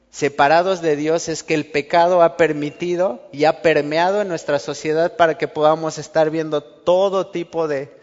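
A man's voice: fairly high pitch, big-room sound, dull audio. A man preaching a sermon, talking in a conversational way and acting out small everyday exchanges. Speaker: pastor.

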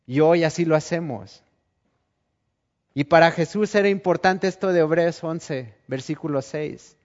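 A man preaching a sermon, telling Bible stories in an animated way and acting out the scenes. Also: on the high side, unhurried. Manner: animated storytelling, acts out scenes. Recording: dull lo-fi recording.

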